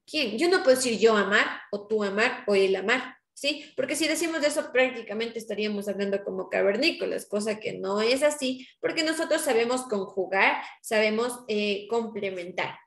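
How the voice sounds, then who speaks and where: A woman's voice: a little high, lively intonation, normal speed, few pauses, reverberant. A woman teacher giving a patient grammar lesson to her class, often checking in with her students.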